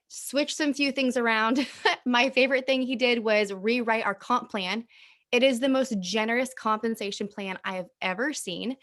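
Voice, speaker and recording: A woman giving an upbeat, chatty recruiting pitch as a network marketing presenter, smiling as she talks. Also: fairly bright tone. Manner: upbeat, smiling while talking; chatty, uses filler "like" and "um".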